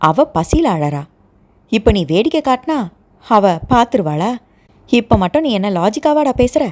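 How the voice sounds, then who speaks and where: Fiery young sister in an audio novel, as a woman narrator puts her on, quick and scolding. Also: fairly high pitch, sing-song, a little mellow.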